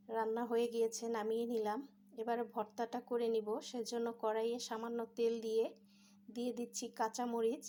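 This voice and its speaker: A woman calmly narrating her home cooking step by step as host of a cooking channel. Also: fairly high pitch, slight background noise. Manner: calm step-by-step instructions.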